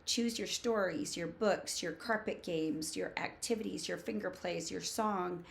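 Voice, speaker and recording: Woman, 50s, preschool educator explaining to camera. Unhurried, with vocal fry, emphatic short phrases. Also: fairly low pitch, a little hiss or hum. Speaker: preschool teaching coach. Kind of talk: casual instructional talk to camera. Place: small home room with bookshelves.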